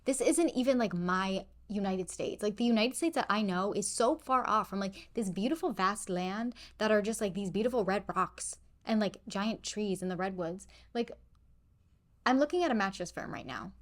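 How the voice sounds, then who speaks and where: In a dry recording, a young podcast co-host speaks at normal speed with a mid-range voice. She's chatting casually and rambling, full of fillers.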